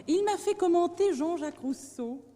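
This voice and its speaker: An actress playing a coquettish widowed countess in a radio operetta, affected and coy. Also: female voice, extremely high pitch, animated, moderate pace, mellow. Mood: flirtatious. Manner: coquettish, sing-song, affected. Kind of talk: 1960s radio operetta dialogue. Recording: reverberant radio studio recording.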